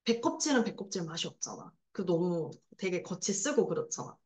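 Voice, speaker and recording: A woman teaching a literature lesson online, explaining a story passage in a lively way, acting out scenes and chatting aside with her students. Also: fairly low pitch, fairly quick, echoey room. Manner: lively, acts out scenes with sound effects and voices. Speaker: Korean language teacher.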